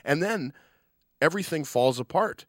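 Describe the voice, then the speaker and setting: A man's voice: on the high side, expressive, moderate pace, no echo, studio quality. A man co-hosting sports radio with conversational hockey analysis. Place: radio studio.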